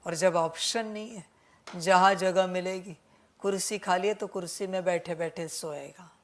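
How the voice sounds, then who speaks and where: A woman spiritual teacher giving a sermon that addresses her listeners as children. She gently admonishes and repeats her points, with English words mixed into her talk. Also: on the low side, steady tone, measured pace. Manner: mixes English words into Hindi.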